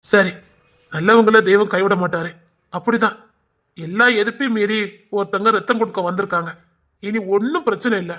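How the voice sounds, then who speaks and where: A man playing a calm, reassuring doctor. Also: high-pitched, a little fast, pauses often. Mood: puzzled. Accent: Tirunelveli Tamil. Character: reassuring male hospital doctor.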